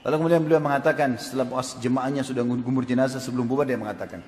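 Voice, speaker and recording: A man's voice: medium pitch, steady tone, rapid-fire, a little mellow, slight background noise. A man preaching a sermon, asking his audience questions and acting out quoted speech. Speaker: Islamic preacher. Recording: echoey hall with long reverb.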